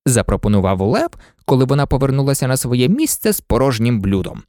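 A man reading a storybook aloud with animated, swooping expression. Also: medium pitch, a little fast, no echo, studio quality. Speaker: storybook reader.

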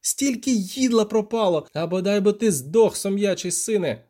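A man performs a boastful, excitable male poet in a storybook reading. He talks in high, loud exclamations that leap around in pitch. The tone stays warm and soft-edged. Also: moderate pace. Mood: indignant. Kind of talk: audiobook character voice.

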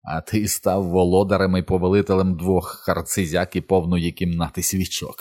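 A dry, ironic nobleman in an audiobook, read by a man. He speaks in a low, understated tone and lets the words carry the irony. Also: level tone, normal speed, darkish tone.

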